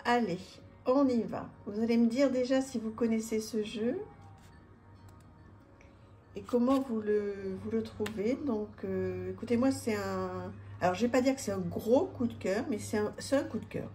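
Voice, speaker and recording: Chatty woman, mellow voice. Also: fairly high pitch, normal speed, soft background music. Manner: chatty, warm-hearted, many fillers. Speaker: card reader presenting an oracle deck. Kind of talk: casual product presentation.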